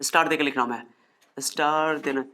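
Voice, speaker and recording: A man's voice: a little high, steady tone, fairly quick, bright, forceful tone. A male physics teacher lecturing a classroom, repeating key terms and firing questions at his students.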